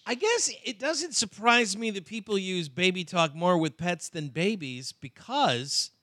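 A man's voice: sits high, expressive, measured pace, bright, forceful tone, no room sound. Man reading out poll results, dry studio sound. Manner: dry, reads out poll figures. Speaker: co-host. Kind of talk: casual podcast chat.

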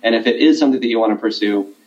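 A man's voice: fairly low pitch, rapid-fire, a little mellow, highs cut off. A man who coaches debate, talking earnestly as a podcast guest and leaning on fillers like "like" and "um". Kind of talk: casual interview guest.

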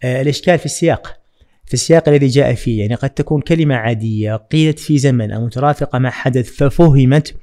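A man, a writing trainer speaking as a podcast guest in a measured, reflective way with frequent hesitations. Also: medium pitch, dark tone. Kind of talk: podcast interview.

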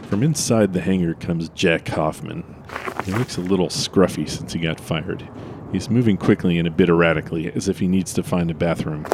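Deep-voiced man narrating dryly. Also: moderate pace, noisy background. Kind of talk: scripted comic narration.

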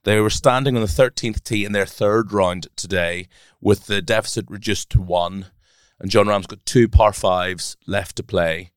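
Male broadcaster as podcast guest, low smooth voice, keen and animated, dry close mic. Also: normal speed, no echo. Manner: animated, laughing, enthusiastic. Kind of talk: casual podcast chat.

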